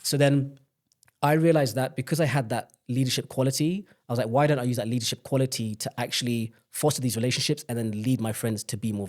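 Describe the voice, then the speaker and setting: A man's voice: medium pitch, a little mellow. A young man from the UK speaking as a podcast guest, telling personal stories in an open, reflective way. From United Kingdom. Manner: open, reflective storytelling with many restarts. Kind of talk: candid personal conversation.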